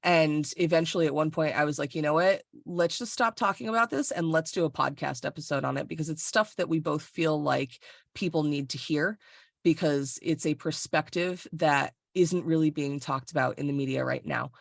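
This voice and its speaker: This Florida podcast co-host has a low, creaky voice and a moderate pace. Over a video call she keeps the chat casual and blunt, with plenty of swearing and laughter, and the sound is clean studio quality with no room noise.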